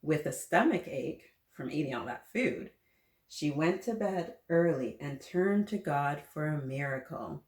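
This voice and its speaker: Reading aloud unhurriedly to children at story time, this host has a fairly low voice with lively intonation. Her gentle, encouraging delivery includes asides and questions aimed at the kids. A noticeable echo fills the room.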